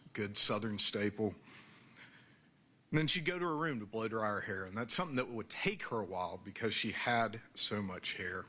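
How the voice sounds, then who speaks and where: Bright-voiced male prosecutor arguing in a courtroom. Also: fairly low pitch. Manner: formal, deliberate narrative delivery in short phrases. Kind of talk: closing argument in a courtroom.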